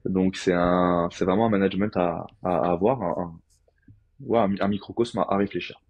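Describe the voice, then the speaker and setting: A man's voice: sits low, steady tone, normal speed, no echo, muffled recording. A man, a physiotherapist guest on a podcast, explaining his practice step by step in a casual, thinking-aloud way.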